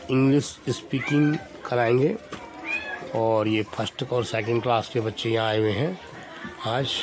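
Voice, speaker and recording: A male schoolteacher leading a classroom speaking lesson for young children, slowly repeating each phrase and quizzing the class. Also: mid-range voice, background noise. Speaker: school teacher.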